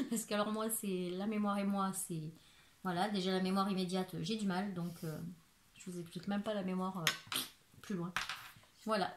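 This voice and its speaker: Chatty woman in her forties, echoey room. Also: medium pitch. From France. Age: 40s. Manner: chatty, rambling, many fillers and restarts. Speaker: crafting YouTuber. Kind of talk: casual haul video. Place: home living room. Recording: echoey room with background noise.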